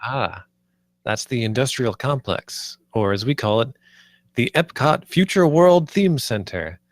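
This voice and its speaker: Voicing Marty at a screenplay table read, a man portrays an earnest, idealistic theme park planner who is both nervous and visionary. He sounds enthusiastic, a little hesitant, and expressive, using a natural medium-pitched voice at a measured pace with no echo.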